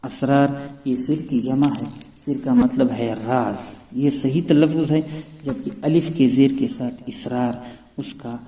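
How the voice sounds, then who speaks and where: Male teacher, deep warm tone, calm and methodical, recorded in a reverberant room with a long tail. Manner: measured, repeats "friends" often. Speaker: educational channel host. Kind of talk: scripted pronunciation lesson.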